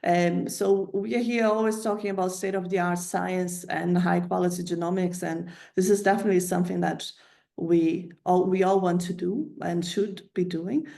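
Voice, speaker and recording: A woman from Brazil giving a prepared talk to colleagues, measured and hesitant, with frequent fillers and self-corrections. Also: lowish voice, steady tone, gravelly, dark tone. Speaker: candidate presenting a funding plan.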